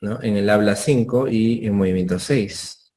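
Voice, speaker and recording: At a measured pace, a man with a lowish, slightly mellow voice delivers a medical lesson in careful steps. He likes tag questions at the ends of phrases and plays out brief patient interactions.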